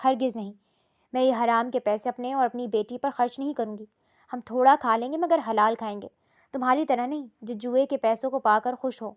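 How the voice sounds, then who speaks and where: A woman's voice: a little high, close to an everyday voice. A woman voicing a stern, worried middle-aged mother who speaks firmly and reproachfully in a storybook reading.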